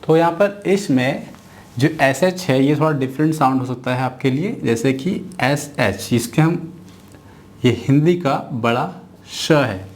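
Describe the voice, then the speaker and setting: Slow, patient man teaching phonics. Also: mid-range voice, a little mellow. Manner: slow, drawn-out repetition of sounds. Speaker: English reading teacher. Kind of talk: phonics lesson in Hindi.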